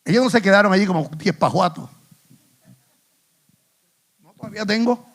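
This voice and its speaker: A male pastor preaching a sermon in a church, swinging between hushed asides and loud emphatic lines, with English phrases mixed in. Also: high voice, animated, moderate pace. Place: church in the Bronx.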